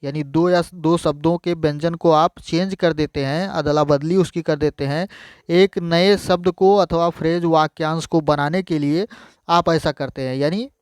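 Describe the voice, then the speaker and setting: Man lecturing, crisp dry voice. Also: fairly high pitch, fairly even intonation, measured pace, no echo. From India. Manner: explains each point by repeating it in Hindi, addresses viewers as friends. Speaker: teacher. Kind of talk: exam-prep lecture.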